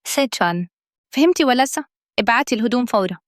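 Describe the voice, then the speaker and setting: Woman as bold young heroine, Egyptian accent, firm and fast. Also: fairly high pitch, lively intonation, lightly acted. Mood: commanding. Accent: Egyptian Arabic. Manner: confident, firm.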